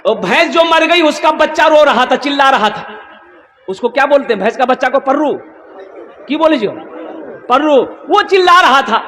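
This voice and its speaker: A man telling humorous religious stories to a live audience, lively and acting out the voices. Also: very high-pitched, moderate pace, pauses often. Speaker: religious storyteller. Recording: echoey hall with faint noise.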